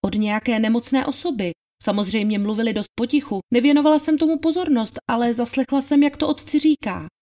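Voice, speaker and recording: A woman's voice: on the high side, hardly any pauses, warm tone, lightly acted. A woman voicing a dutiful young housemaid on the stand. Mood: testifying. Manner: plain, polite, deferential answers. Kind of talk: dramatized trial testimony reading.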